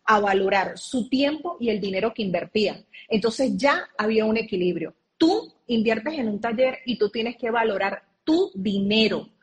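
A woman with a fairly high voice talks earnestly as an interview guest, explaining her point through her own experience. She is heard over a video call connection. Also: expressive, moderate pace, hardly any pauses. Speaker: guest speaker.

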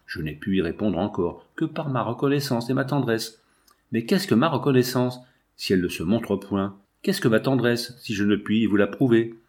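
A man's voice: medium pitch, animated, moderate pace, a little mellow, natural voice. A devoted young daughter begs her parents to confide in her, voiced by a male reader. Her lines come in an earnest, imploring way, as in a storybook recording. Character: young woman, devoted pleading daughter in exile.

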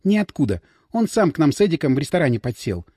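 A man's voice: fairly high pitch, big pitch swings, quick pace, dark tone, husky, dry recording, clean studio sound. A male narrator voicing a frightened young woman who pleads and dodges questions in an audiobook. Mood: defensive. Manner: pleading, defensive. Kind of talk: audiobook character voice.

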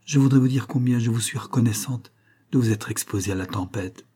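A man voicing a grieving young woman who speaks in a trembling, halting way. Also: medium pitch, warm tone, slightly rough, lightly acted. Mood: grateful.

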